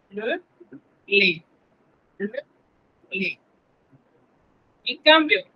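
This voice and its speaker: A woman's voice: on the high side, sharp tone, rough recording. A woman teaching a French lesson in Spanish, explaining patiently and repeating examples for her students. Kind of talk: classroom lesson.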